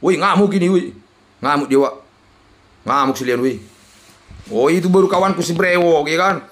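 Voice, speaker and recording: A young man, giving loud, excited commentary on a slot game as he plays, swinging between yells and mutters. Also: a little high, moderate pace. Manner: loud, shouting and exclaiming, jumpy swings between yelling and muttering.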